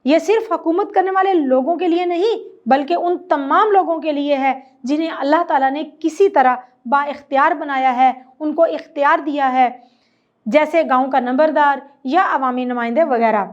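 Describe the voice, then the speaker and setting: High-voiced woman teaching an Urdu lesson. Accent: Pakistani Urdu. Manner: clear, careful reading with pauses to explain words. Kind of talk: reading and explaining a textbook lesson to children. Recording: slightly dull lo-fi recording.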